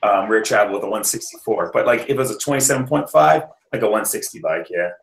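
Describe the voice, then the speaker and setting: A man's voice: on the low side, quick pace, creaky, roomy sound. A man in his thirties hosting a casual mountain biking live stream over a video call, rambling with restarts.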